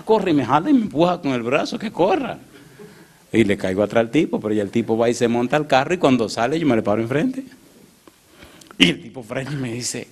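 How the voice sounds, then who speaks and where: A man's voice: on the low side, slight background noise. A male pastor preaching a sermon, telling a story and acting out its characters' voices. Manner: animated, acts out the voices in his story. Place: church.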